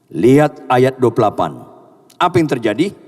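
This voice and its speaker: A male pastor preaching a sermon, emphatic and rising to shouts on quoted lines, calling on the congregation to answer and clap. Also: medium pitch, big pitch swings, moderate pace, slightly rough. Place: church.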